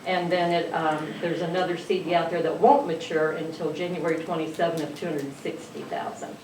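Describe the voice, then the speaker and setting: A woman's voice: low-pitched, little pitch movement, a little mellow. A woman finance officer reading a council financial report, hurrying through the numbers with fillers. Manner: rushed, reeling off figures with fillers. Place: council chamber. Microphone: distant room mic. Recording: echoey chamber, distant mic, noise.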